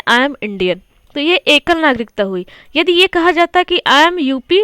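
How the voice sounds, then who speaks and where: In clean studio sound with no room acoustics, a woman with a high, slightly bright voice coaches for an exam by going over quiz answers. Her manner is conversational: she repeats points and asks the listener questions.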